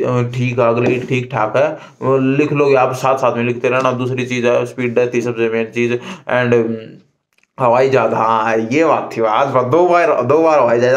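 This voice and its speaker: Young man, chatty vlog talk, repeats himself, mid-pitched, indoors. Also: muffled recording. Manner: chatty, repetitive, conversational advice. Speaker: exam candidate vlogger. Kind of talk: casual talk to camera. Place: indoor room.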